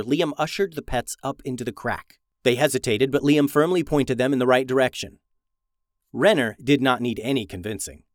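A man reads a fantasy adventure aloud in storybook narration. He keeps a steady, even storytelling pace at a middle pitch. The recording is dry, with no room sound. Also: no room sound.

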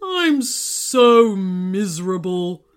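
A woman voicing a gloomy, grumbling giant volcano in a storybook reading, with a deep rumbling sound. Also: big pitch swings, takes it slowly, faint music behind. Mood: miserable. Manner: groaning, sighing, sorry for itself.

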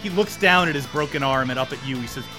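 A man working as game master, improvising dramatic and animated narration for a tabletop game. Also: medium pitch, quick pace, over music.

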